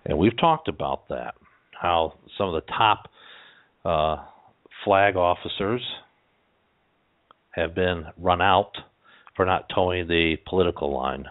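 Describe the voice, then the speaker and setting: A man's voice: low-pitched, slow pace, pauses often. A man delivering scripted political commentary in wordy, formal phrasing with folksy asides. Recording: dull, band-limited lo-fi audio.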